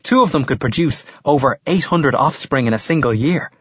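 An actor playing an earnest history teacher who lectures in a measured, explanatory way. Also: male voice, mid-range voice, animated, husky, no room sound, lo-fi sound. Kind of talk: audiobook character voice.

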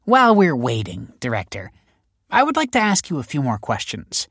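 A man's voice: medium pitch, wildly swooping pitch, moderate pace, gravelly, fairly bright tone, breathy edge, no room sound, studio quality, voice pushed up, heavily acted. A male audiobook narrator voicing a breezy, mocking female police detective who needles people with sarcastic politeness. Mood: playful. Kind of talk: audiobook character voice.

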